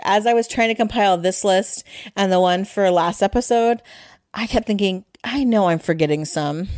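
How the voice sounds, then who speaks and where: A woman's voice: on the high side, a little mellow, dry recording. Chatty rambling woman, dry close sound. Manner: chatty and rambling, self-deprecating. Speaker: podcast co-host. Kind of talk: casual chat.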